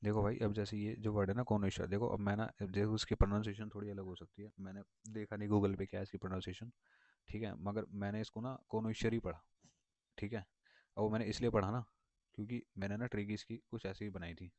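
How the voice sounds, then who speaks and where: In this casual explanatory lesson, a man speaks fast in a fairly low, darkish voice with flat delivery, rambling through vocabulary with repeated words, lots of fillers, and frequent circling back. There's no room sound, and the dry lo-fi recording sounds dull.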